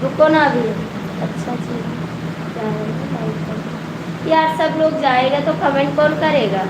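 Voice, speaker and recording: Awadhi lady chatting to viewers on a phone live, high voice, slow and teasing, echoey room with a loud cooler running behind. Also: very noisy. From Awadh region, India. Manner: teasing, coaxing viewers to comment. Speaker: live stream host. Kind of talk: casual chat with live viewers.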